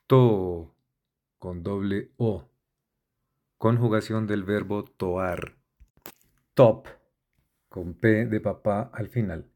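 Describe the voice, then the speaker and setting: Slow, low-voiced man reading definitions. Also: darkish tone. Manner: measured, spells out letters and gives examples. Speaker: dictionary word reader. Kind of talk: scripted reading of word definitions.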